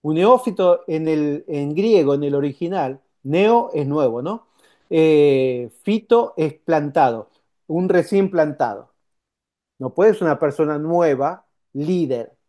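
A man preaches a sermon in a high-pitched voice. His tone is mellow and warm rather than sharp. He talks to the congregation conversationally, repeating key points and asking rhetorical questions. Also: lively intonation, takes it slowly. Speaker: pastor.

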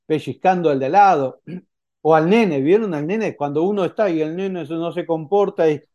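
A man's voice: fairly high pitch, moderate pace, darkish tone, dull audio. A male pastor with a Rioplatense Spanish accent, preaching a sermon in a conversational way, often tagging his points with a questioning "eh?" and acting out little quotes. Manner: conversational preaching with frequent "¿eh?" tags and acted quotes.

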